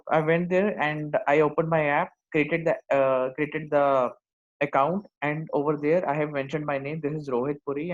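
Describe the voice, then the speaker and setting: Indian guy walking thru a software demo, kinda high voice, repeats himself, dull lofi mic. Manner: repeats phrases for emphasis. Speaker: software instructor. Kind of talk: screen-demo tutorial, explaining step by step. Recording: dull lo-fi microphone sound.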